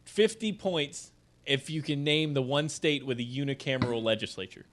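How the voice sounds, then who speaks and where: A man's voice: mid-range voice, normal speed, a bit bright, a little hiss or hum. A man co-hosting a podcast in casual, joking chat, rambling and laughing often. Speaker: podcast co-host.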